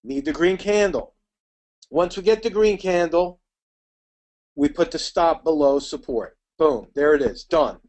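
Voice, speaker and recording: Fast-talking man teaching a trading webinar. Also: on the high side, lively intonation, darkish tone. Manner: quick, chatty, addresses attendees by name.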